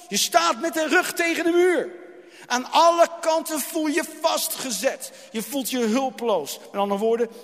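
A man with a strikingly high voice delivers a dramatic sermon. He repeats key phrases and swings from loud, driving lines to hushed ones. His words ring out with a long reverb, as if spoken in a large hall. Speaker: preacher.

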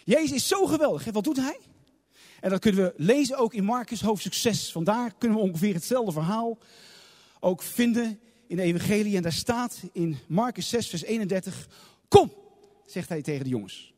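A man's voice: high voice, expressive, a little fast, a little mellow. A man preaching a sermon with passion, repeating phrases for emphasis. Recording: long reverb of a large hall.

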